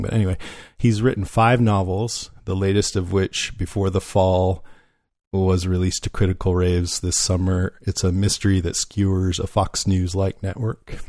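A man with a lowish voice co-hosts a relaxed podcast, reading from his notes and dropping casual asides. His voice is recorded close and dry, with no room sound. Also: no echo. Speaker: podcast co-host.

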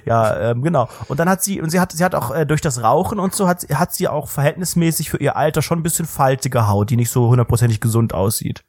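A man's voice: medium pitch, lively intonation, fast talker, hardly any pauses, a little mellow, no echo. Rambling ironic young man, dry close sound. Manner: rambling, many fillers and restarts, dry ironic humor. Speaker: podcast co-host. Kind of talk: casual podcast banter.

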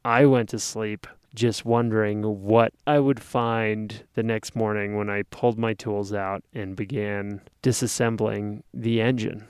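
A man in his thirties co-hosting, telling a travel story casually and acting out his own panicked shouts. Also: lowish voice, level tone, a little slow, hardly any pauses, clear, resonant tone, no room sound, clean studio sound. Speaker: podcast co-host.

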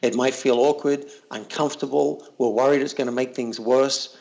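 A man speaks in an earnest, reflective way as a coach in a casual interview. His mid-range voice has a gravelly edge. He often doubles back on words while he thinks aloud. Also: mid-range voice, steady tone, normal speed, darkish tone, dull audio.

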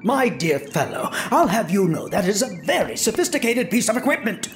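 A woman's voice: mid-range voice, big pitch swings, fairly quick, soft background music, close to an everyday voice. A woman playing a pompous, formal, old-fashioned traveller between worlds who talks down to strangers in an audio drama. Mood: indignant.

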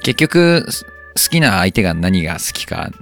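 A man's voice: low-pitched, very animated, normal speed, a bit bright. A man co-hosting a podcast, giving casual advice in an earnest, joking way. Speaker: podcast co-host. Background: faint music.

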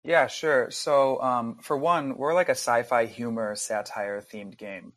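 Relaxed rambling male game developer. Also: mid-range voice, takes it slowly, dry recording. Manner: relaxed, rambling, lots of fillers. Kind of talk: casual podcast chat.

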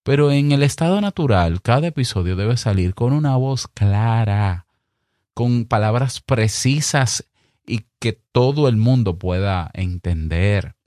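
Clear-spoken Dominican man giving podcast advice. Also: mid-range voice, lively intonation, darkish tone, dry recording, studio quality. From Dominican Republic. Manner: emphatic, direct, speaks slowly and clearly on purpose. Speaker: podcast host. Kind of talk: advice talk to fellow podcasters.

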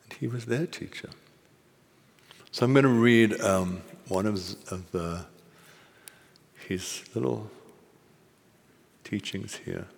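A man's voice: lowish voice, slow pace, gravelly, pauses often, long reverb tail, a little hiss or hum. A man giving an informal, musing dharma talk as a Zen teacher, with fillers and asides. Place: meditation hall at a retreat.

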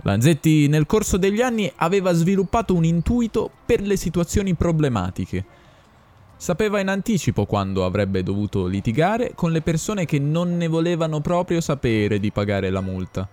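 A man narrating a short story and voicing the conductor, expressive and theatrical. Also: a little high, moderate pace, faint music behind. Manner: expressive, acting out the characters. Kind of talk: audiobook story reading.

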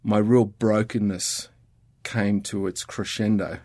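Middle-aged Australian man, guest, earnest and reflective, low-pitched, dry close sound. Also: little pitch movement, takes it slowly, a little mellow, no room sound. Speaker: guest, ministry worker. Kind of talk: casual conversation.

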